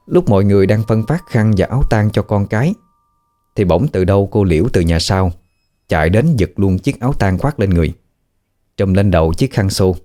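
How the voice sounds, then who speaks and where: A man with a Southern Vietnamese accent narrating a ghost story in a steady, measured way. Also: on the low side.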